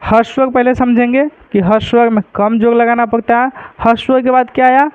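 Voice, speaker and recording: A man's voice: extremely high pitch, little pitch movement, normal speed, clear, resonant tone, no echo, dull audio. A man teaching a grammar lesson to students, repeating points and asking rhetorical questions to check they follow.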